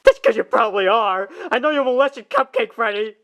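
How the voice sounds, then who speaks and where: A man's voice: extremely high pitch, fairly quick, highs cut off, voice pushed up. Man putting on a shrieking plush chick girl. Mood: taunting. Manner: yelling, accusing. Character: shrill hot-tempered female plush chick.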